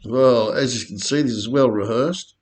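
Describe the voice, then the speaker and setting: A man's voice: medium pitch, normal speed, darkish tone. A man with an Australian accent talking casually through market charts, laid-back and slangy, rambling with plenty of fillers. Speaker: crypto chart commentator.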